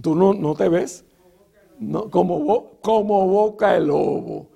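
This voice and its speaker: A high-voiced man preaching a sermon, with a gravelly, creaky edge to his voice. He speaks slowly and unhurriedly, teaching through scripture with rhetorical questions and plenty of filler sounds between phrases. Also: mellow. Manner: frequent filler sounds and restarts.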